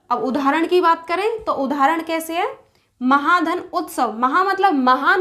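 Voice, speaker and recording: Woman teacher with a high voice, explaining grammar step by step and answering her own questions. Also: fairly bright tone. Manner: asks questions then answers them herself; slows down to spell out sounds and examples. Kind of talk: Hindi grammar lesson at a board.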